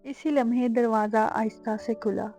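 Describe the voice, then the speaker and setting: A woman narrating an emotional novel in slow, dramatic storytelling. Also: fairly high pitch, fairly even intonation, mellow, faint music behind.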